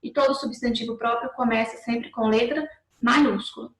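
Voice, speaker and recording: Brazilian teacher, woman, patient and repetitive, slightly high raspy voice, recorded in a roomy echo. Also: fairly even intonation, normal speed. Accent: Brazilian Portuguese. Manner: patient, explains step by step, repeats and rephrases. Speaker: schoolteacher. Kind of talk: recorded remote class.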